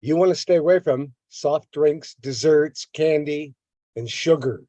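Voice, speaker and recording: Older man with a dark, dry voice. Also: fairly high pitch, a little slow, no room sound, muffled recording. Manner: repeats words, rants at length against a government agency. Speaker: health educator. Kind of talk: reading a text and adding comments.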